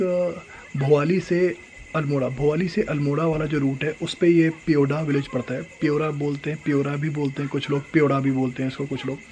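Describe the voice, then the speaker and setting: A young man, a travel vlogger, excitedly showing off a homestay room at night and slipping English phrases into his talk. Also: on the high side, a little hiss or hum, poor audio. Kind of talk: casual vlog walkthrough.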